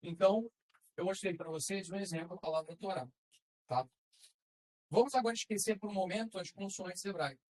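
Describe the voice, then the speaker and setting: A woman's voice: lowish voice, fairly quick, pauses often, darkish tone, rough recording. A woman teaching a class, explaining patiently step by step and checking in with her students. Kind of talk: classroom lesson.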